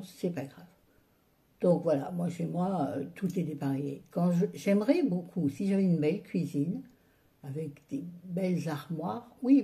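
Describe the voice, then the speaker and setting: A woman's voice: low voice, vocal fry, warm tone. A woman vlogger chatting casually to her viewers from home, grumbling and ranting in an exasperated, colloquial way. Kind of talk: casual vlog chat to viewers.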